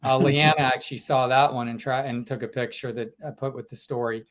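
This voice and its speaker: A man co-hosting a sports podcast, telling stories from a road trip in a casual, animated way. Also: mid-range voice, brisk. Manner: storytelling, quotes fans in lively asides. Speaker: podcast co-host, sports reporter.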